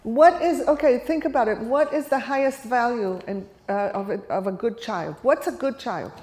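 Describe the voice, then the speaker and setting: A workshop facilitator whose first language is Hebrew thinks aloud and poses questions to a live audience in a workshop room. Her voice is a little high and husky, with a darkish tone, at a moderate pace.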